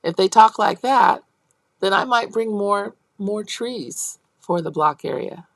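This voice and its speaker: Taking it slowly in a creaky voice with no room sound, a female instructor lectures college students on early childhood teaching. She explains step by step, pauses to check in with the class, and acts out teacher and child exchanges in a high, animated way.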